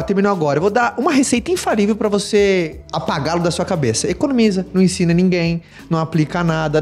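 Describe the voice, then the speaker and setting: A man's voice: fairly high pitch, darkish tone. A Brazilian man with a Brazilian Portuguese accent, hosting a casual podcast chat and asking his guests questions.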